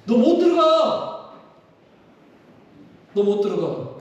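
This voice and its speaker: God speaks in short, curt, final declarations, put on by a male preacher mid-sermon. The voice rises louder and higher than the preacher's usual talk. It echoes through a large church hall, heard from a distance. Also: sing-song, slow, highs cut off, exaggerated voice. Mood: stern.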